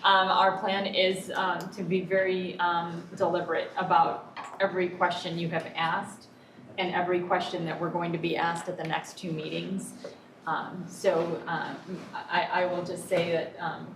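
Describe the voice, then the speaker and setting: Woman superintendent, distant in an echoey room. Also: lowish voice. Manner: hesitant, many ums, deliberate. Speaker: school superintendent. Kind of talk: public board meeting remarks. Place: echoey board meeting room. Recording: echoey room, distant mic, faint noise.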